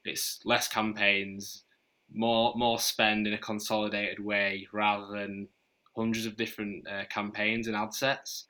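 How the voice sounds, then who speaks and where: A man with a Northern English accent, answering podcast interview questions in a measured, explanatory way with frequent fillers. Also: fairly low pitch, flat delivery, pushed and bright, poor audio. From Northern England. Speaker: podcast guest, marketing chief.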